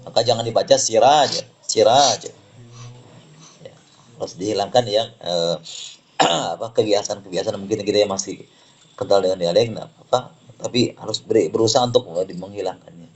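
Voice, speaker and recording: A man teaching tajwid, explaining slowly, repeating words and reciting examples for students to echo. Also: lowish voice.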